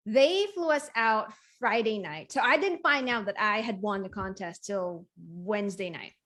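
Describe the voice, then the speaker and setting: A woman's voice: medium pitch, normal speed, fairly bright tone. A woman chatting casually as an interview guest, telling her own story in an easygoing conversational way. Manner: smiles and laughs often. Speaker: wrestling ring announcer and commentator, interview guest.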